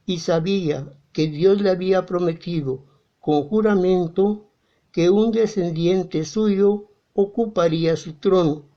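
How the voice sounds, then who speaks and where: Lector, Guatemalan accent, measured scripture reading, dark tone, muffled sound. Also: medium pitch. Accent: Guatemalan Spanish. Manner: slow, measured, even reading.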